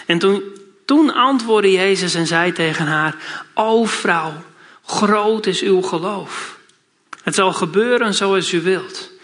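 A man preaching a sermon, his voice high and bright. He reads scripture aloud, then turns to plain talk, putting questions to his listeners.

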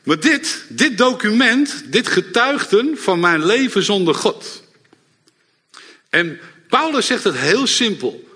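A middle-aged man preaching a sermon to a congregation, lively and direct, often checking in with the audience. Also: high voice, slow pace, long pauses, breathy edge. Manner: lively, engages audience with repeated "ja?". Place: church hall before a congregation. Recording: long hall reverb.

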